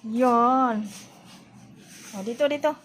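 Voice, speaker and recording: A woman's voice: a little high, takes it slowly, a little hiss or hum. A woman vlogger talking to her pets in a coaxing, sing-song baby-talk voice.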